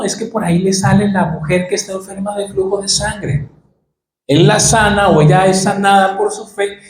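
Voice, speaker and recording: A man's voice: sits high, darkish tone, roomy sound, a little hiss or hum, poor audio. A male pastor with a Colombian Spanish accent preaching a sermon, acting out Bible scenes as he goes.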